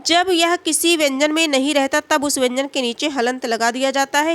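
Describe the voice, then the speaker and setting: A woman teaching a Hindi grammar lesson, asking the class questions and answering them herself, and sounding out letters slowly. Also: high voice, fairly bright tone, clean tone.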